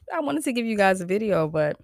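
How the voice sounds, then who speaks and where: This solo podcast host is a young American woman with a medium-pitched, congested, stuffy voice. Her delivery is casual but emphatic, edging into preachiness, and she laughs frequently. It's a studio-quality recording with no room sound.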